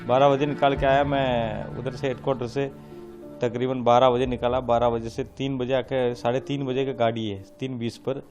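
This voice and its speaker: Brief: man giving testimony, mid-pitched, halting and repetitive, music loud underneath. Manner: halting, repeats himself while recounting. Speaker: rescue worker interviewee. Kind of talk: testimony to a reporter.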